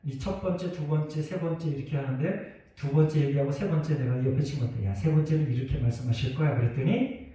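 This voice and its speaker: Middle-aged pastor guy preaching, emphatic, goes loud then quiet, far off mic in a big echoey church. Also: on the high side, quick pace. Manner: emphatic, swings from loud outbursts to hushed asides. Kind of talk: sermon with personal story. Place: church sanctuary.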